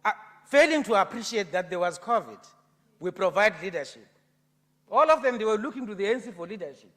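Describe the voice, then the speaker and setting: A South African man giving an oratorical debate speech in a provincial legislature, building to loud passion. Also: high voice, lively intonation, brisk. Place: legislative chamber. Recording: long reverb of a legislative chamber.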